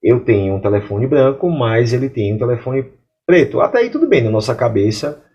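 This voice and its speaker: A Brazilian Portuguese-speaking man teaching English grammar, explaining clearly and reading English example sentences slowly. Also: mid-range voice, animated, warm tone, dull audio.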